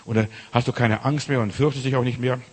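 A pastor preaching informally, speaking directly to the listener with emphatic, urgent phrasing. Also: male voice, mid-range voice, steady tone, fast talker, slightly rough, in a large hall. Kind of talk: informal sermon.

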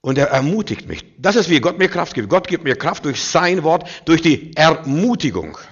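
A man preaching a sermon with emphasis, swinging between loud declarations and quiet, low asides. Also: big pitch swings, normal speed, breathy edge. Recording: dull lo-fi recording.

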